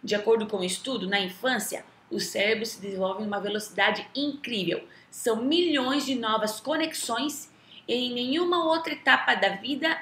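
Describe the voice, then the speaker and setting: Chatty Brazilian woman with a bright voice. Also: fairly high pitch. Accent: Brazilian Portuguese. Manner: chatty, often tags sentences with a questioning aside. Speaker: English teacher. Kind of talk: casual talk to camera. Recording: roomy echo.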